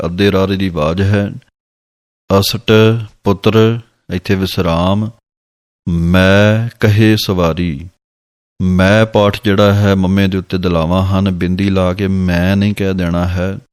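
A man leads a slow, careful scripture pronunciation lesson, chanting lines and then explaining them word by word. His voice is smooth and resonant, heard close in a dry space with no room sound. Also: low voice, a little mellow, no room sound. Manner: measured, deliberate, recites verses slowly then explains pronunciation. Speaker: scripture recitation teacher.

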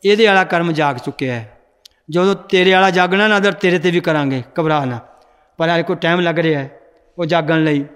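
A serene holy teacher, played by a male storyteller speaks slowly and consolingly. The voice is high, smooth and resonant. A long reverb fills the hall behind him. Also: natural voice. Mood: gentle. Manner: slow, gentle, consoling.

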